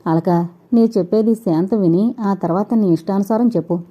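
A woman voicing an earnest young man who calmly reasons and pleads his love, read as an audiobook character. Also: mid-range voice, normal speed, breathy edge, lightly acted. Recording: dull lo-fi recording.

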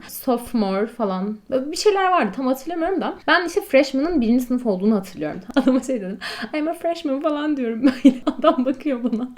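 A woman's voice: fairly high pitch, darkish tone. A woman in her twenties chatting casually to camera, telling stories with self-mocking humor and frequent laughter. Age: 20s. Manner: chatty, self-mocking, laughs often, acts out own quotes. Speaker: vlogger, medical doctor. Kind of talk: casual storytelling chat.

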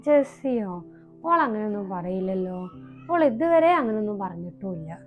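A woman's voice: medium pitch, expressive, moderate pace, faint music behind, close to an everyday voice. A woman playing a tired household mother. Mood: questioning. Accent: Malabar Malayalam. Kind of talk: comedy skit acting.

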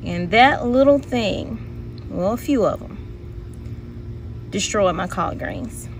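Slow-talking chatty woman in a garden. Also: mid-range voice, lively intonation, creaky, a little hiss or hum, rough recording. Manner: chatty, addresses viewers as y'all, exclamatory. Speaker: home gardener vlogger. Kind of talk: casual garden walk-through. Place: outdoor backyard garden.

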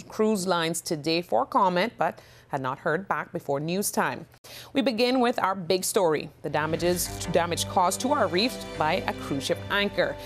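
Female studio news anchor, slightly low voice, polished clean delivery.

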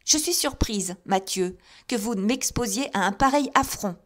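A woman's voice: medium pitch, expressive, a little slow. A woman reading aloud, putting on a haughty, imperious mother who scolds her child sharply. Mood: haughty scolding. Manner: sharp, indignant, commanding.

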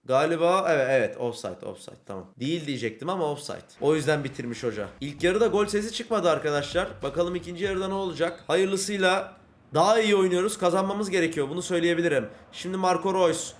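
A man giving excited live commentary on his football video game, yelling at and scolding his players, then dropping to a mutter, recorded in a room at home at night. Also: a little high, quick pace. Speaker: gaming YouTuber.

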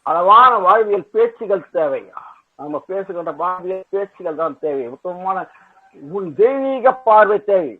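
A man gives a spiritual talk in a fairly high voice, pressing his points with rising emphasis and repeated words. He restarts words now and then as he goes. The sound is narrow and tinny, like a phone line. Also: animated, unhurried. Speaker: spiritual speaker.

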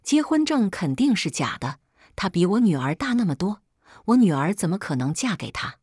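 A woman's voice: fairly low pitch, very animated, moderate pace, darkish tone, husky, no echo, clean studio sound. A woman voicing a scheming middle-aged mother who shrieks and bullies. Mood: scolding. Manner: shrieking, bullying.

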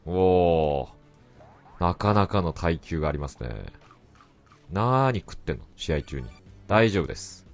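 A man giving casual, excitable commentary over his own gameplay and often shouting back at the game. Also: deep voice, a little slow, long pauses. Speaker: let's play commentator. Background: faint game music.

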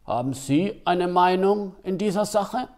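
A man's voice: high voice, measured pace, a little mellow, pitched above the performer's own voice. A man doing a weary old Father Christmas. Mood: grave.

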